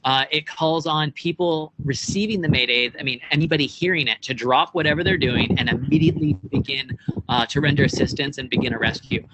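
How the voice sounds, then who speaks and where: Heavy background noise surrounds this boat club operations director, a young American speaking as a guest expert outside on a marina dock. He talks a little fast in a mid-range voice, giving informal explanations peppered with tag questions, and the recording is muffled.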